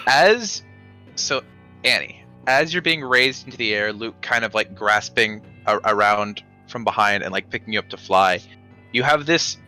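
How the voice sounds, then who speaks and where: A man running a tabletop game as game master, narrating off the cuff with dramatic pauses. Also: on the low side, bright, forceful tone.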